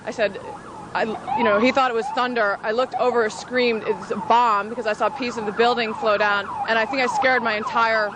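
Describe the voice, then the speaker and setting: A woman's voice: on the high side, steady tone, fairly quick. A shaken woman giving a spontaneous eyewitness account in a street interview. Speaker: eyewitness office worker. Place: outdoors on a city street. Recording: noisy street with crowd and sirens.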